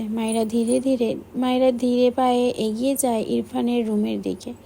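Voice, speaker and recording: A woman narrating a romance audiobook in a steady, even storytelling manner. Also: on the high side, creaky, a little hiss or hum. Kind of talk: audiobook reading of a romance novel.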